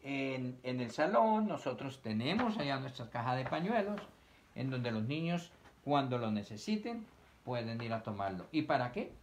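A man's voice: mid-range voice, big pitch swings, normal speed, background noise. A man teaching young children, reading a picture book aloud, asking them questions and acting out sneezes and coughs.

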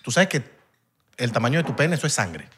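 A man from Caracas with a Venezuelan accent, chatting casually on a podcast and telling animated stories with laughs. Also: medium pitch, a little fast, slight background noise. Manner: animated storyteller, laughs often. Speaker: podcast guest, former bartender.

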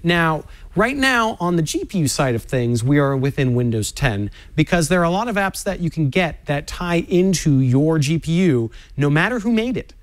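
A man's voice: on the high side, sing-song, moderate pace, few pauses. A man explaining how to overclock a graphics card in a cautionary, instructive way. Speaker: tech demo guest explaining overclocking. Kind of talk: explanatory studio segment.

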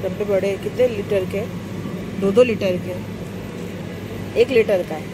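A woman's voice: mid-range voice, a little slow. A woman vlogger with an Indian Hindi-Urdu accent, chatting casually about products and prices while walking through a large supermarket, recorded on a phone. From South Asia. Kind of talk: casual walk-through vlog. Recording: phone video with store noise.

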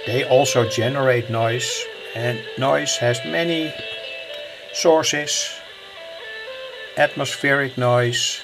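A male hobbyist radio builder gives an unscripted, hands-on demonstration at a home workbench indoors, his medium-pitched voice heavily gravelly and his delivery slow and halting. A shortwave radio plays behind him. The rough recording comes from a handheld camera's built-in microphone.

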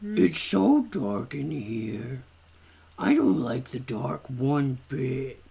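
A woman voicing a lost, sun-loving little creature from a game, complaining in a drawn-out, dramatic way. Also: rumbling low, animated, vocal fry, warm tone, slightly rough, pitched below the performer's own voice, exaggerated voice. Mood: plaintive. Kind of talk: playful game dialogue read-aloud.

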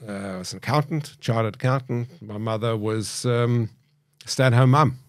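A man in his late fifties with a mild South African accent, a podcast guest recalling his past in a measured, reflective way with frequent hesitations, recorded on a studio mic. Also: mid-range voice, no room sound. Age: 50s. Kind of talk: candid interview storytelling. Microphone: studio boom mic.

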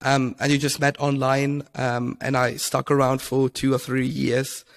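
A man's voice: mid-range voice, monotone, a little slow. A young man from Switzerland, a podcast guest, talking casually over a headset mic with many ums and restarts. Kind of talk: casual interview talk. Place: home room, indoors.

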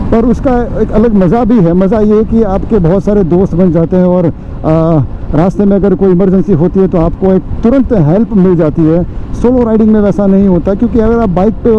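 Out on city and village roads, a forties-aged motovlogger with a high-pitched voice talks casually to his viewers, treating them as friends and dropping plenty of fillers. The audio, from a helmet or bike-mounted action camera mic, is dull and lo-fi, and faint traffic and road noise run underneath.

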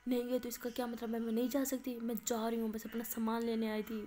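Brief: woman voicing a proud, sarcastic young student, mellow tone, sulky delivery. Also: fairly high pitch, completely flat delivery, fast talker, soft background music, lightly acted. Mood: huffy. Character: proud young female college student, huffy.

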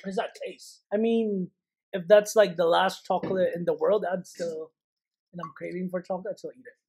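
A woman's voice: on the low side, steady tone, fairly quick, darkish tone, husky. A woman, a mother in a family vlog, chatting casually and laughing often as the family taste-tests snacks.

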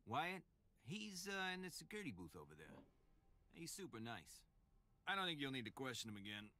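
A man's voice: mid-range voice, big pitch swings, moderate pace, pushed and bright. A man voicing a chatty, nervous male police officer with a Boston accent in a video game. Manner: rambling, eager to please.

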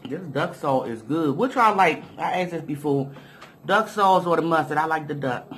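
A man's voice: on the high side, expressive, moderate pace, a bit bright, slight background noise. A man hosting a casual eating video, talking while chewing and chatting straight to his viewers, humming over his food. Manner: chatty, addresses viewers directly, hums with food. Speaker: mukbang vlogger.

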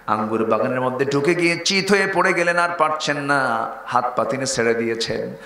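A man preaching a fiery sermon. He rises to high, shouted peaks, calls out for the crowd to answer him, and slips into chanting. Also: expressive, fairly quick. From Bangladesh. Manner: rousing, rising to a high shout, then chanting. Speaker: Islamic preacher. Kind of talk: fiery sermon with call-and-response. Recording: echoey public-address sound with faint noise.

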